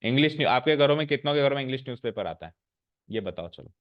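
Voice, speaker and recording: A man's voice: mid-range voice, lively intonation, racing, lo-fi sound. A man in his forties teaching a grammar class to students, lecturing and scolding with rhetorical questions and mixing English phrases into his speech. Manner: mixes English phrases into Hindi.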